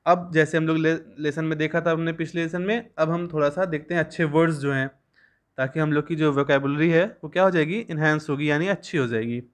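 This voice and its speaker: A man's voice: a little high, fairly even intonation. Man teaching. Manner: reads English lines slowly, then explains at length with frequent "ठीक". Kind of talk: school lesson explaining an English story in Hindi.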